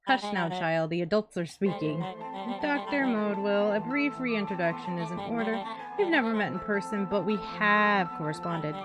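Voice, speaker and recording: A woman's voice: medium pitch, animated, normal speed, close to an everyday voice, poor audio. A woman voicing a smug, pompous villain mastermind in a child's body, monologuing condescendingly in a game read-aloud. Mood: smug, theatrical. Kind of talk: dramatic reading of video game dialogue. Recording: game music behind.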